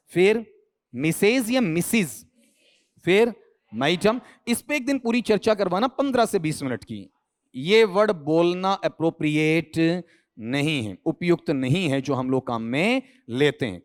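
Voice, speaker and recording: High-voiced man quizzing a class. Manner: quizzing students, answering his own questions; teasing, joking asides. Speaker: English teacher. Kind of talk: online exam-prep lesson.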